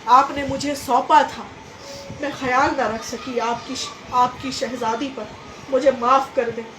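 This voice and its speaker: A woman's voice: high voice, fairly even intonation, measured pace, background noise. A woman voicing a grieving, dignified noble woman who laments and then defies, within a religious recitation. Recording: roomy hall with faint ambience.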